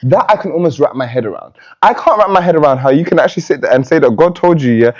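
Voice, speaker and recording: Outspoken, profane podcast host. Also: female voice, sits low, expressive, quick pace, a little mellow, lo-fi sound. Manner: outspoken, profane, laughs often. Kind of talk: casual podcast chat.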